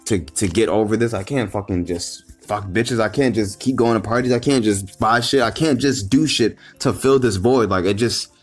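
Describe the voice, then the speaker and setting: A man with a fairly low, slightly rough voice launches into an unscripted motivational rant as a vlogger, cursing nonstop and looping back over the same ideas. He talks at a moderate clip with hardly a pause, keeps restarting sentences, and erupts into loud, frustrated emphasis. Faint music sits in the background.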